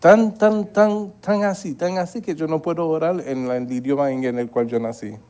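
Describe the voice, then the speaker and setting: This Haitian preacher's voice is a little high, slightly mellow and clean, and he keeps a moderate pace while teaching a Bible study in church. His manner is earnest, with repeated words and regular calls for listeners to agree.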